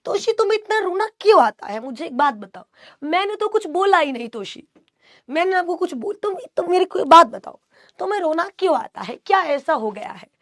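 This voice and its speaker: A woman's voice: very high-pitched, very animated, brisk, no echo, clean studio sound. A woman teaching an online exam coaching class, reading students' chat questions aloud and answering with playful teasing.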